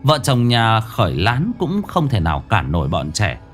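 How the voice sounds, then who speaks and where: A man telling a ghost story as dramatic, expressive scripted narration. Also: fairly low pitch, moderate pace, soft background music.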